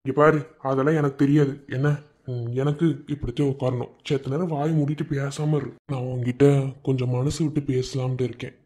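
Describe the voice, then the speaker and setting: Husky, dark-voiced army husband, Madurai Tamil by a man. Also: medium pitch, steady tone, brisk, close to an everyday voice. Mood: tender. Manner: gentle, coaxing, reassuring. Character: young army husband, steady and loving. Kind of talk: cartoon voice acting.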